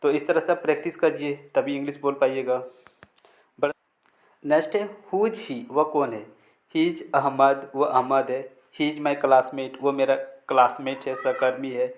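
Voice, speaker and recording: Slow, drawling Hindi-speaking English teacher. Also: male voice, mid-range voice, fairly even intonation. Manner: slow, drills English sentences aloud and translates each into Hindi. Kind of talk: spoken English lesson in Hindi.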